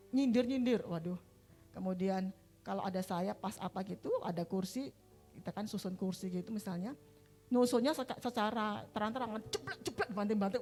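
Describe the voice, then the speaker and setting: A middle-aged woman speaks, preaching a morning devotional through a personal testimony. Her voice sits at an ordinary middle pitch, and she tells the story with lively, emphatic exclamations. Faint music plays quietly behind her. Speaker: women's ministry speaker. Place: church.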